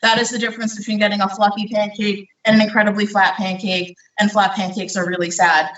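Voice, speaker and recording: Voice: mid-range voice, level tone, fast talker, fairly bright tone, recorded from a distance, highs cut off. A home baker walking through a recipe in a live cooking demonstration, explaining each step in a chatty way with fillers while working, a little out of breath. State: slightly out of breath. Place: home kitchen. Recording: echoey kitchen, speaker away from mic.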